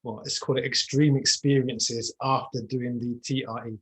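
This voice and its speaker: A man's voice: medium pitch, level tone, moderate pace, slightly rough, poor audio. A man hosting an interview, musing reflectively and asking open questions. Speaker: podcast host. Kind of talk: conversational interview.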